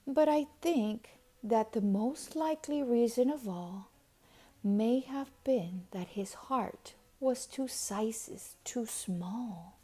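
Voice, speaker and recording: A woman reads a children's storybook aloud with plenty of expression. Her voice is fairly high and soft-edged, and she takes her time, delivering lines very slowly with deliberate pauses and dramatic emphasis. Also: slightly rough. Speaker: storybook reader.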